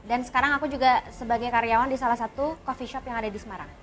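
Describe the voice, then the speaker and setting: A woman's voice: a little high, steady tone, racing. A young woman in her early twenties, a student, answering interview questions in a chatty, casual way. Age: 21-ish, early 20s. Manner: chatty, often adds "guys". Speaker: student and café worker interviewee. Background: background music.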